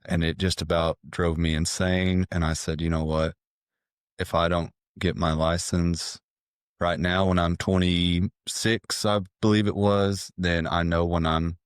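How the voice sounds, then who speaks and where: Thirties agent guest, very low smooth voice, dry close mic, candid and halting. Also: male voice, dry recording. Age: 30s. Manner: candid, hesitant with many ums. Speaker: real estate agent, guest. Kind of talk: casual interview.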